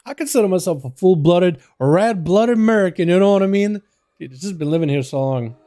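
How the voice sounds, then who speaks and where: A young Russian man with a high-pitched, lively, warm voice casts video game duels live at a brisk clip. As host, he chats loosely with his viewers and keeps calling out to them as "boys" in this casual game commentary.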